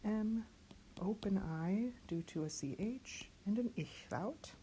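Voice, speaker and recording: Slow, careful woman teaching diction. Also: mid-range voice, expressive, warm tone, a little hiss or hum. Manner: slow, careful, spells out sounds and letters. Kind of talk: online diction lesson.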